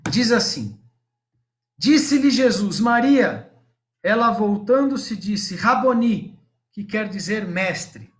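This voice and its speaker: A man's voice: high-pitched, lively intonation, takes it slowly. A man preaching a live-streamed sermon, speaking directly to his viewers and his congregation. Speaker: pastor.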